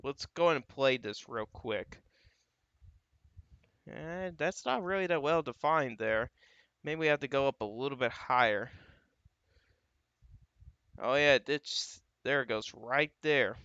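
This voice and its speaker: Talking through radar images on a live weather stream, this man keeps things loose and conversational, thinking aloud and often saying "uh" and "you got." His mid-range voice is bright and clear, slow, with frequent pauses. The dry, close sound is a bit dull, like a home livestream mic.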